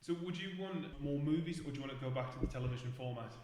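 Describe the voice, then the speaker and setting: A man chats casually in a Northumbrian accent. His voice sits at a middling pitch and rings in an echoey, reverberant room. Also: rapid-fire, a little mellow. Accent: Alnwick Northumbrian. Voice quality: rough regional accent. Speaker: podcast guest, castle tour guide. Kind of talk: casual chat.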